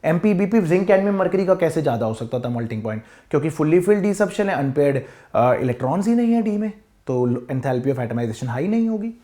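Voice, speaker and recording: A man teaching chemistry to students in a classroom, talking to them directly in a lively lecture. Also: fairly high pitch, quick pace. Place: classroom with board.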